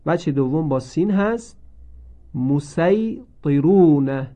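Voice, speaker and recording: A man teaching a recorded lesson on Quran reading, speaking slowly and deliberately and drawing out each word he recites. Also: on the high side, animated, mellow. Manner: slow, deliberate, repeats each word with drawn-out recited forms. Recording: dull lo-fi recording.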